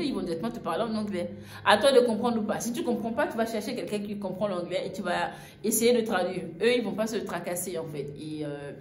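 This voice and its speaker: A woman's voice: mid-range voice, a little mellow. A young woman from Gabon, casually telling a travel story, full of fillers and asides. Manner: chatty, frequent fillers and "en fait". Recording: echoey room, faint ambient noise.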